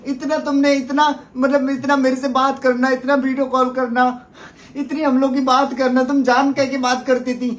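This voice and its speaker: A man with a light, high voice pleads in an emotional vlog. He keeps circling back over the same points, repeating himself. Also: completely flat delivery, normal speed. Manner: pleading, repetitive. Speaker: pleading ex-partner.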